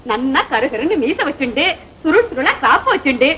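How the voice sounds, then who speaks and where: A shrill, scolding gossip. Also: female voice, very animated, a little fast, a bit bright, a little hiss or hum. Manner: scolding, theatrical. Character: scolding, gossiping woman, quick-tongued and dramatic. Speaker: film character, meddling neighbour. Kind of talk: 1960s Tamil film comedy acting.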